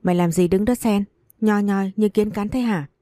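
A woman's voice: mid-range voice, moderate pace, mellow, no echo, natural voice. A woman voicing a stern, dismissive mistress of the house who questions sharply. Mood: scornful.

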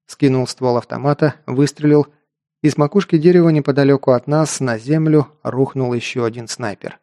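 A man narrating a first-person action audiobook in a brisk, wry storytelling manner. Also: mid-range voice, warm tone, dry recording, clean studio sound.

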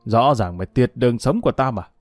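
A man's voice: medium pitch, animated, quick pace, no room sound, faint music behind, lightly acted. A man playing a blustering older father. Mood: bitter. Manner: scolding, cursing. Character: angry older father, blustering and self-pitying.

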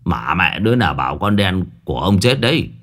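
A man's voice: sits low, big pitch swings, a little fast, heavily acted. Man doing a coarse, hot-tempered old landlord. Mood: angry. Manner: shouting, cursing, wailing.

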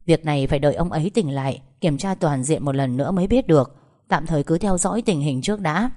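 Composed male surgeon in an audiobook tale, steady and reassuring, read by a woman. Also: low-pitched, fast. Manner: calm, professional, soothing. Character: calm reassuring male doctor. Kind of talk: audiobook storytelling.

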